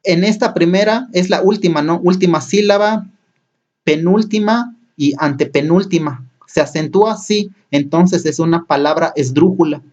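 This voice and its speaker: A man's voice: high voice, moderate pace, darkish tone. Patient man teaching, muffled. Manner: patient, step-by-step, repeats and counts syllables aloud. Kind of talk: online lesson explaining poetry rules. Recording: dull lo-fi recording.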